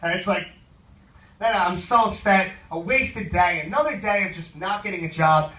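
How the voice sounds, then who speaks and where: Male stand-up storyteller, high voice, profane and rambling; distant mic in an echoey room. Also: normal speed, bright, forceful tone. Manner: profane, rambling, full of fillers. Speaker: stand-up comedian.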